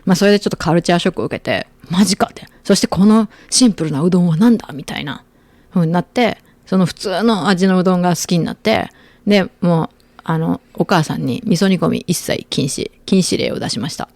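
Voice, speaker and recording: A middle-aged woman, co-hosting a casual chat show and telling stories in an animated way. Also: on the low side, a little fast, no echo. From Aichi, Japan. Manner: animated storyteller, lively quoting voices. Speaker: podcast host.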